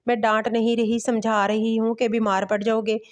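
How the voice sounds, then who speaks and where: A woman voicing a quick-tempered but caring young woman who scolds and coaxes. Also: fairly high pitch, little pitch movement, lightly acted. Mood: coaxing. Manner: scolding then coaxing.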